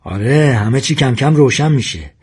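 A man's voice: mid-range voice, expressive, darkish tone, slightly rough. A man doing a wry sardonic man.

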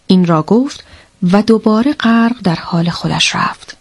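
A woman narrating a religious story in a steady, expressive way. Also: medium pitch, husky.

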